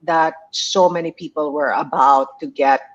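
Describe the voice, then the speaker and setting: A woman guest coach answering interview questions in a warm, chatty way, laughing often and pausing with hesitations. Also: deep voice, fairly even intonation, lo-fi sound.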